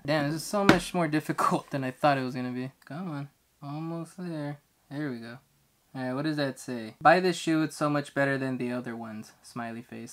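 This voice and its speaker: A man's voice: on the high side, a bit bright, slight background noise. A man casually reviewing a pair of shoes on his vlog, chatty and upbeat, laughing often as he talks. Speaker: collectibles reviewer. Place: at home, then outdoors.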